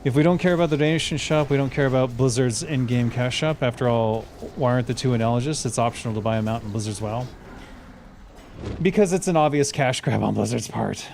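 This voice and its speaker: A man's voice: mid-range voice, brisk, creaky, a little mellow, a little hiss or hum. A man on a livestream, talking over a headset mic while he plays a game, muttering to himself and thanking viewers. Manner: mutters to himself while playing, then speeds up to argue a point. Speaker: streamer. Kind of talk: casual gameplay livestream chat.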